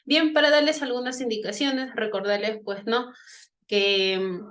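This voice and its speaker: Bilingual woman teacher, fairly high voice. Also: steady tone, unhurried, fairly bright tone. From Peru. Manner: bilingual, repeats greetings in English and Spanish. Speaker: English teacher. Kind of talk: online class teaching.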